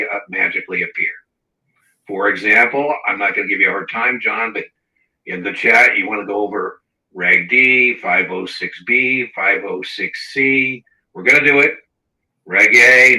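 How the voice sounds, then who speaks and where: Man with tinny, lo-fi audio. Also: sharp tone. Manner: chatty, repeats words for emphasis. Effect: tinny, low-quality audio cutting in and out. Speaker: securities exam instructor hosting a live Q&A. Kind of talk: casual livestream talk. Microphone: wrong mic across the room. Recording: tinny, roomy sound from a mic far off.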